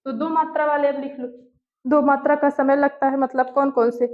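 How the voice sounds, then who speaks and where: A woman teacher giving an online class, slowly putting questions and answering them herself, and dictating notes word by word. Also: high voice, steady tone. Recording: echoey room, tinny phone-like sound.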